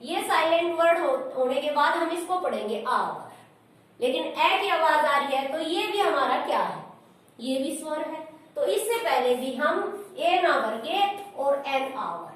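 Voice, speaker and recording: A woman's voice: sits high, lively intonation, unhurried, fairly bright tone, very echoey, distant mic, rough recording. A woman teaching a grammar lesson step by step and asking her students questions as she goes. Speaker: school teacher.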